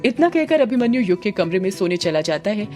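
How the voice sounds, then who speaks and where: A woman narrating a horror audio story in a steady storytelling manner. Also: medium pitch, brisk, soft background music.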